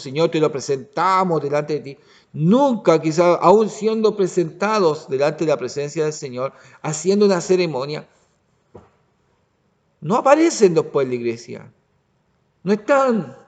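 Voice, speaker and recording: A man teaching a Bible lesson as pastor, often pausing to check the congregation understands. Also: fairly high pitch, a little mellow, highs cut off. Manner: restarts and asks "¿ya?" to check understanding. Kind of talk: Bible study sermon.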